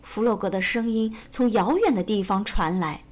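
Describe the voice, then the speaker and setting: A woman storyteller reading a children's storybook aloud in a gentle, expressive way. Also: mid-range voice, moderate pace. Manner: gentle, expressive, sing-song.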